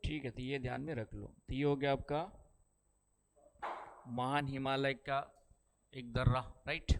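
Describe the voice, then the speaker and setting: Man, middle-aged, teacher, lecture with stories, smooth clear voice, average pitch. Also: fairly even intonation, measured pace. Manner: chatty, asks the class questions; keeps saying "ठीक है" and "है ना".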